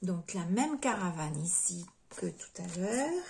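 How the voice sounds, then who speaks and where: A woman craft vlogger chatting casually as she shows things off, gushing with repeated praise and often dropping to soft whispers. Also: lowish voice, very animated, takes it slowly, creaky, slight background noise. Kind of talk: casual show-and-tell chat.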